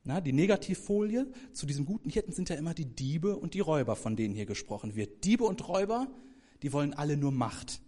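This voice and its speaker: A man preaching a sermon to a congregation, talking to them directly, now rising to loud emphasis, now dropping soft and slow. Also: on the high side, very animated. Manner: addresses congregation directly, swells for emphasis then drops soft.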